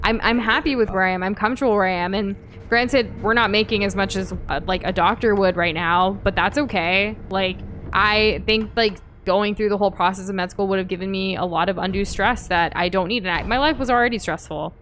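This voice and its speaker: A woman's voice: medium pitch, brisk, a bit bright, slight background noise. A young woman from the United States co-hosting a game stream, chatting candidly and reading viewer comments, with lots of fillers and restarts. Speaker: streamer co-host. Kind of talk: casual gameplay chat reading viewer comments.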